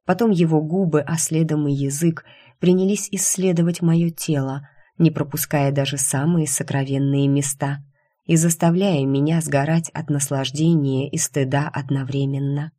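A woman's voice: low voice, steady tone, normal speed, dark tone. A woman narrating a first-person romance novel as an audiobook, in an intimate, confiding tone.

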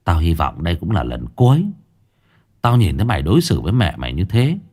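A man voicing a cold, menacing young exorcist master who threatens in a slow, mock-sweet tone. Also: deep voice, very animated, darkish tone, breathy edge, exaggerated voice.

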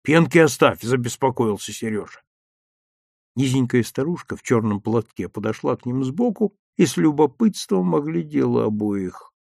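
A man narrating a children's story with lively, expressive delivery. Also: mid-range voice, normal speed, vocal fry, dry recording, clean studio sound.

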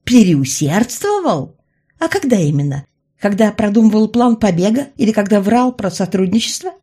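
A woman voices a hot-tempered young witch, her voice jumping high and loud as she snaps back. The tone swoops widely, with a husky grain underneath. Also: sing-song, normal speed. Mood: indignant. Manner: indignant, shouting back.

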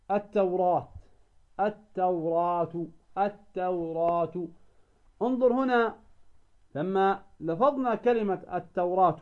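A man teaching recitation rules who poses questions and then answers them, now and then chanting verses slowly. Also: high-pitched, dull audio. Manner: asks the listener a question, then answers it himself. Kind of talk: tajweed lesson.

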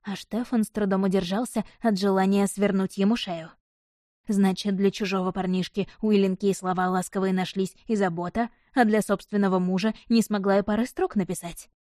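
Dark-voiced woman narrating a fantasy tale. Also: medium pitch, steady tone, a little fast, dry recording, clean studio sound. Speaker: audiobook narrator.

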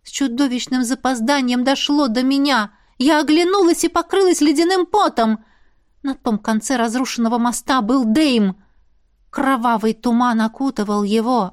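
A woman narrating a first-person fantasy story with dramatic delivery, dropping to a hush and rising to cries. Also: high voice, moderate pace, no room sound, studio quality. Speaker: audiobook narrator.

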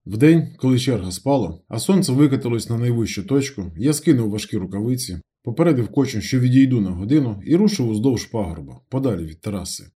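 A man reading a novel aloud in calm, measured first-person narration. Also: mid-range voice, husky. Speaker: audiobook narrator.

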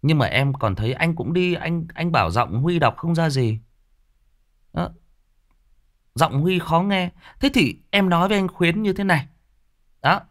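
A man's voice: a little high, animated, unhurried, long pauses, a bit bright. A man with a Northern Vietnamese accent, an audiobook narrator speaking off the cuff and defensively to a critical listener, with many fillers and restarts. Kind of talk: unscripted direct address to a commenter.

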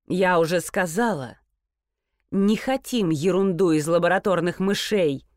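A woman's voice: lowish voice, unhurried, a little mellow, no room sound, studio quality, close to an everyday voice. A woman doing a bossy, brash young haggler. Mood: haughty. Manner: curt, cold and commanding.

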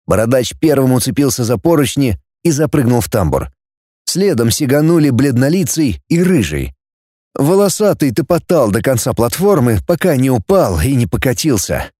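A man reading an adventure story aloud as narrator, lifting his pitch for each character's lines. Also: very animated, normal speed, dark tone, no echo, clean studio sound. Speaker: audiobook narrator. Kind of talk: scripted narration.

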